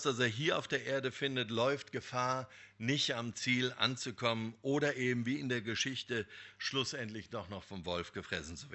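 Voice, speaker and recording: A man preaching a sermon, telling a parable in a lively, emphatic way. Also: medium pitch. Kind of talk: sermon with storytelling.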